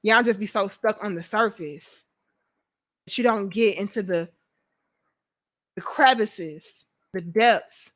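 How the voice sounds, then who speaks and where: Speaking slowly with long pauses, this young St. Louis woman has a medium-pitched, fairly bright voice. As a livestream host offering relationship commentary, she's casual and blunt, emphatic and repetitive, cursing freely along the way.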